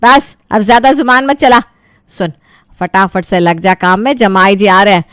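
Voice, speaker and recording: A woman's voice: mid-range voice, moderate pace, fairly bright tone, smooth, dry recording, clean studio sound, close to an everyday voice. A woman voicing a bossy older mother-in-law who scolds and barks orders at her household. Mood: bossy scolding.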